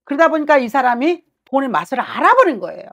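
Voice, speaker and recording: Her voice sits high and sounds fairly bright, and she speaks fast and very animatedly. The middle-aged fortune teller talks from her desk in a small shrine office, blunt and scolding, voicing her client's inner thoughts and hammering every point. This is a fortune-telling consultation.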